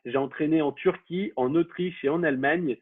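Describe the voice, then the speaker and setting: A man's voice: a little high, moderate pace. A man hosting a casual football quiz, talking with many fillers and restarts. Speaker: quiz host. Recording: phone-like, husky, dry.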